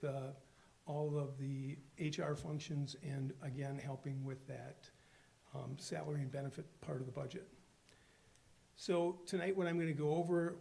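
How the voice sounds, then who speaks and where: A man with a hoarse voice from a cold, giving a formal budget presentation at a school board meeting, explaining steadily with frequent fillers. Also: a little high, a little mellow. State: hoarse from a cold, losing his voice. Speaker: school district finance official presenting the budget.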